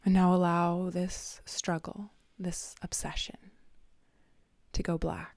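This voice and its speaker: Woman meditation guide, soft breathy half-whisper, very slow and even, warm low tone, dry close sound. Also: dry recording. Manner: soft, half-whispered, soothing delivery with long pauses.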